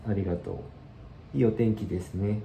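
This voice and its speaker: A man giving a casual language lesson, explaining slowly and loosely with many fillers. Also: fairly low pitch, steady tone, reverberant, dull audio, a little hiss or hum. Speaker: Spanish teacher.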